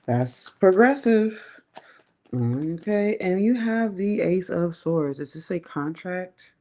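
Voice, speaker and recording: A woman's voice: low voice, dark tone. A woman giving a casual live tarot reading, thinking aloud in a chatty, loose way and swearing now and then. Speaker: tarot reader.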